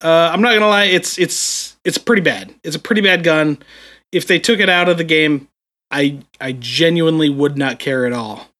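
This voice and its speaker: A man's voice: a little high, moderate pace, pushed and bright. A man co-hosting a casual gaming podcast, rambling along with many fillers and restarts. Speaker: podcast co-host.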